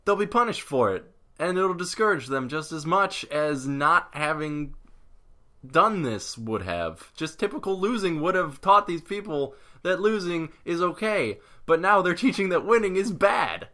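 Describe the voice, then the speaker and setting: A man's voice: a little high, animated, a little slow, pushed and bright. A man hosting a casual commentary vlog, ranting with sarcasm. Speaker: vlogger.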